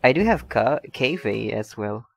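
This slow-speaking Indonesian streamer has an expressive, mid-range voice with some vocal fry. Chatting loosely over viewer comments, he stumbles, starts over and laughs a lot. Game music plays faintly, and he isn't facing his shotgun microphone.

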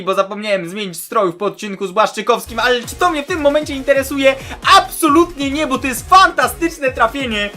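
A man with a hoarse, sore throat giving eager, exclaiming commentary as a gaming channel host. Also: very high-pitched, bright, forceful tone. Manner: eager, exclaims at each card. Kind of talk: excited pack-opening commentary.

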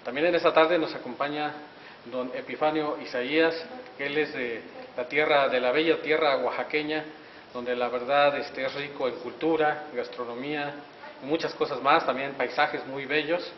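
A middle-aged male reporter for community TV holds a handheld mic in a wood-paneled auditorium hallway, interviewing guests with lavish congratulations and plenty of fillers. His mid-range voice is steady and moderately paced, with slight background noise. The sound is dull and echoey, captured from a distance.

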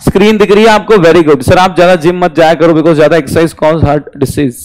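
Recovering from a mild fever with a still-healing throat, a commerce exam tutor in his thirties with an Indian accent gives a chatty, teasing live online lecture, switching between Hindi and English. His somewhat high voice is fairly quick, darkish, and fairly even in intonation, with poor audio.

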